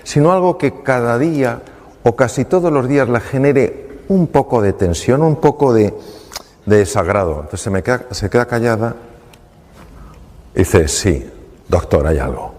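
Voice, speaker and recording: A man's voice: medium pitch, moderate pace, pauses often. Man telling a story in a hall. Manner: animated, acts out dialogue. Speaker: doctor telling a patient story on stage. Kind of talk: storytelling talk.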